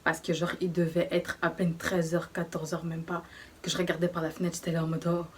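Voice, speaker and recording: A young woman telling a personal story in a casual, slangy way, often hushed, with many fillers. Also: lowish voice, monotone, brisk, a little hiss or hum. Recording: voice distant from the mic.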